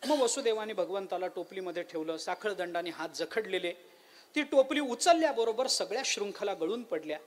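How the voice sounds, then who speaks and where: पुरुष कीर्तनकार, प्रश्न विचारत कथा सांगणारा, मधूनच अभंग गाणारा. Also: male voice, sits high, normal speed. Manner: animated storytelling, rhetorical questions, chanted verses. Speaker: kirtan preacher. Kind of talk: devotional kirtan sermon.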